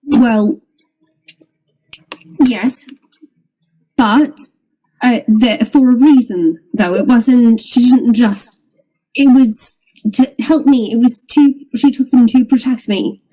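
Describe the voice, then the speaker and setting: A young woman playing a tabletop game in character, speaking haltingly with many pauses and ums. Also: fairly high pitch, dark tone, low-quality recording. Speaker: player.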